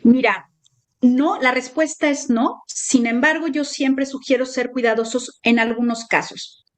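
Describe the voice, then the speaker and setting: A woman's voice: sits high, steady tone, unhurried. A woman, a color therapist answering interview questions with reassuring examples.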